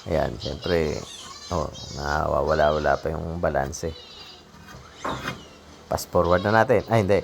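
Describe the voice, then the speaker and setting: Super deep-voiced woman doing a jokey vlog voice-over, lots of noise in the background. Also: a little slow, creaky, long pauses. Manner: chatty, joking, self-praising. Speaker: vlogger narrating own footage. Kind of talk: casual voice-over commentary. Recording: noisy background.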